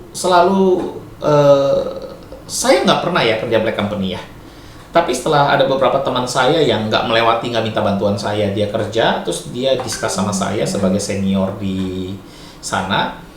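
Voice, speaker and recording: Chatty middle-aged man in an echoey room. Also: mid-range voice. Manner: chatty and lively, mixes in Japanese and English words, laughs often. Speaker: vlogger giving advice. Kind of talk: casual advice talk. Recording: echoey room, faint background noise.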